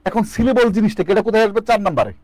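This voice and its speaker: A man's voice: high-pitched, big pitch swings, racing, a little mellow, dry recording. A man teaching an online English lesson, asking students questions and drilling the answers back. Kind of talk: online lecture.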